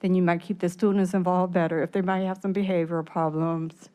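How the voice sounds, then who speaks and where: A woman speaking through a face mask, a little short of breath, giving halting explanations at a public meeting. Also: fairly low pitch, flat delivery, warm tone, clear, resonant tone. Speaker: program staff presenter at a committee meeting.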